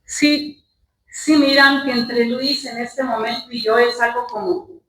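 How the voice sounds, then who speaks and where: A woman's voice: fairly high pitch, fairly even intonation, slow, fairly bright tone, a little hiss or hum. A woman giving a personal testimony in church, speaking earnestly and calling her listeners brothers. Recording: echoey church hall from far off.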